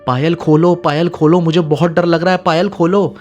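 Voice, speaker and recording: A frightened young woman pleads with her friends in a raised, higher voice, played by the man telling the story. She sounds worried and urgent, with faint music underneath. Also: fairly even intonation, brisk, lo-fi sound, lightly acted. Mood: panicked. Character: anxious caring young woman, easily frightened.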